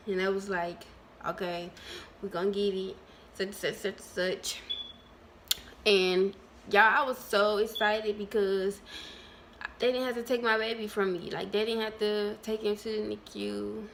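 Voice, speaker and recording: A woman talking to her viewers in a casual vlog, candid and chatty, calling them y'all, with lots of ums and pauses. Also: mid-range voice, slight background noise. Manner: many ums and trailing pauses. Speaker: vlogger.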